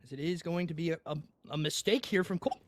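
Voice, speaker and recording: This fast-talking young caster has a fairly high pitch and calls an esports match play-by-play for his stream. Between plays he hiccups and apologizes to his viewers. There's no echo on the audio.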